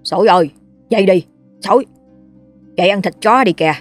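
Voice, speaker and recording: A woman's voice: medium pitch, brisk, natural voice. Brief: woman doing bossy old male sorcerer, scolding, faint music bed. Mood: gruff commanding. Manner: barking orders, scolding.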